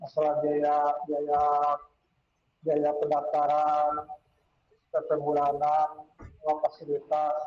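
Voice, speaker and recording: A man joins an online meeting from a room, and his voice comes through echoing and booming, as if bouncing around an empty space. He speaks in a fairly high register, politely and a little hesitantly, ticking through items one by one. The call audio is muffled and dull, with a faint hiss underneath. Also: monotone. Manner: polite, hesitant, restarts and lists items slowly. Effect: voice echoing and booming over the call line. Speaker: parent asking a question at an online school meeting. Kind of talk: casual question at a meeting. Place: indoors in a room.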